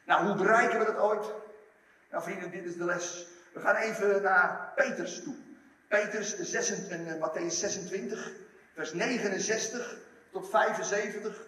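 A man preaching a sermon, lively, acting out the story in voices. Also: sits high, normal speed. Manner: animated, acts out the story in voices. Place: large church hall. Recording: echoey hall, from far off.

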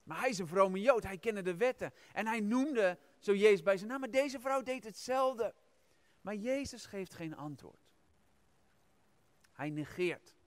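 High-voiced man preaching a sermon. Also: unhurried, no room sound. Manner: lively storytelling, retells the scripture in his own words; addresses listeners directly with questions.

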